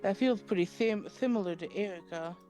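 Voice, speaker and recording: Mid-pitched woman reading game dialogue. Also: fairly quick, warm tone, faint music behind. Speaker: let's play co-host reading game dialogue. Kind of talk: scripted dialogue read aloud.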